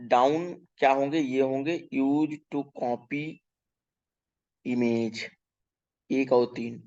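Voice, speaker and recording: A male teacher going through a children's workbook lesson, reading English questions slowly, explaining in Hindi, spelling words letter by letter and often checking "ठीक है". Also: mid-range voice, fairly even intonation, darkish tone, lo-fi sound. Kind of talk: workbook lesson for young pupils.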